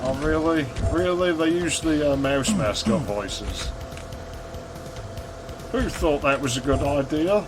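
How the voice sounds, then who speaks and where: A man's voice: a little high, expressive, takes it slowly, long pauses. A man giving casual, understated commentary as he plays through a game, musing as he goes. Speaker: gaming video host. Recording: loud game music behind voice. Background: game music and sound effects.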